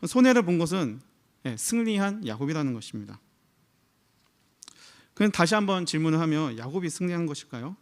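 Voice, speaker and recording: A male pastor, likely in his thirties, giving a conversational sermon full of rhetorical questions. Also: fairly high pitch. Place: church.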